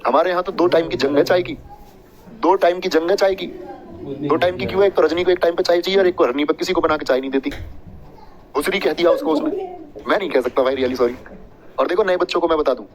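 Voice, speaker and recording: A man's voice: fairly high pitch, fast, pauses often, crowd noise, low-quality recording. A man teaching an exam-prep class, joking and chatty, drilling points with repetition and mnemonic stories.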